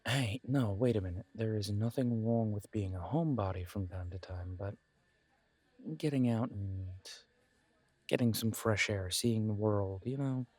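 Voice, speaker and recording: The recording has no room sound, and the man's voice sits on the low side as he acts as a friendly, homebody best friend in a one-sided intimate roleplay. His speech is casual, halting and softly encouraging, with a gentle, reassuring mood.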